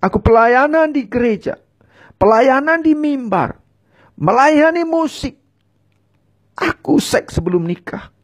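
Male preacher, husky and high, leads viewers through fervent call-and-repeat prayer. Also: animated, a little slow, pauses often. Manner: fervent, repetitive prayer lines for viewers to echo; speaks in tongues.

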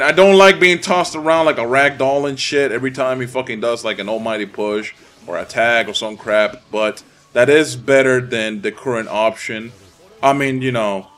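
A young man from the Dominican Republic comments casually and profanely while playing a fighting game, ranting and getting irritated easily. His voice is mid-range with a fairly bright tone.

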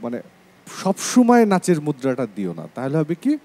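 Bangladeshi male judge, mellow voice that rises and falls a lot. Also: fairly high pitch, wildly swooping pitch, normal speed. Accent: Bangladeshi Bengali. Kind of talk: judge's feedback.

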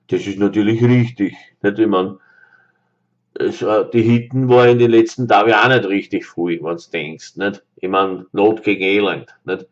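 Viennese man in his thirties, lowish voice, insistent fan rant, dull webcam sound. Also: fairly even intonation, normal speed. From Austria. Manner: emphatic, repeats points, many fillers. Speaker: football fan vlogger. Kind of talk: opinion monologue to camera. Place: small room indoors. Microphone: webcam close up.

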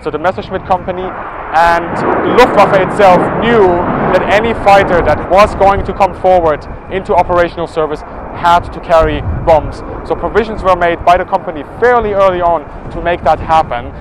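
A man's voice: high-pitched, noisy background. A man in his thirties giving an informative walkaround tour of an aircraft, outdoors at an air show on a lapel mic. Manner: informative, brisk, pointing out details. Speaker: military history presenter.

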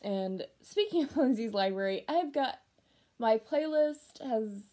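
Young woman with a somewhat high voice, casual home vlogger, halting delivery with sentences that trail off. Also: animated, warm tone. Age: young adult. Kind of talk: casual channel update to camera. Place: small room at home, indoors.

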